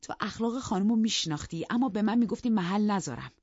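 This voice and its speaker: A woman's voice: mid-range voice, lively intonation, a little mellow, husky, no room sound, lo-fi sound, voice pushed up. A woman voicing a stern, wounded husband in an audiobook, reproachful and demanding. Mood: bitter.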